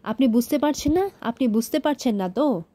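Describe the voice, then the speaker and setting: A proud, domineering older father-in-law from a soap-opera recap, read out by a woman. The voice sits rather high and mellow, and the sound is dry and close. His lines come in a plain reading voice with little acting. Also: fairly quick, no echo. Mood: scolding. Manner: read out flatly in the narrator's own voice.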